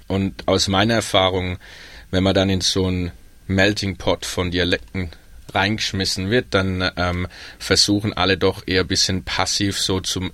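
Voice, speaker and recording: A young man with a Baden German accent, a pub worker in Melbourne, talks as a guest on a panel in a relaxed, chatty way with plenty of ums. His voice sits low, and there's no room sound.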